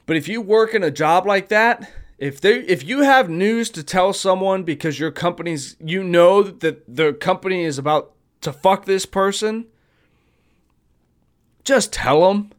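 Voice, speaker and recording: Casual male podcast host, slightly high voice, profane rambling rants. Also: measured pace. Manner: profane, rambling, mock-stammers people he imitates. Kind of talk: casual ranting monologue. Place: home recording, seated at phone.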